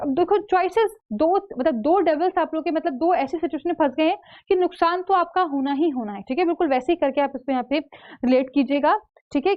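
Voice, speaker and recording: An Indian woman teaching English in an online exam-prep lecture. She explains slowly and keeps checking in with her students. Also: high-pitched, highs cut off. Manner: explains slowly, checks in with "theek hai?" after each point.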